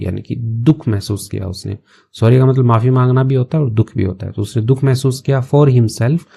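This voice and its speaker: Gravelly-voiced man teaching English. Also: medium pitch, mellow. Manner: slow, patient word-by-word explanations. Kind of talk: explaining an English story in Hindi.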